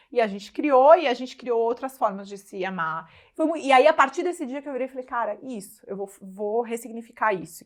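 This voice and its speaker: A woman with a Brazilian Portuguese accent, an interview guest and mother, telling a personal story in casual chat and acting out the quoted lines. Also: a little high. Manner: animated, re-enacts dialogue in quoted voices.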